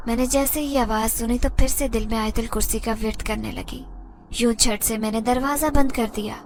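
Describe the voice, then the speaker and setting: A woman telling a first-person horror story in a steady, dramatic voice. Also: a little high. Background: faint background music.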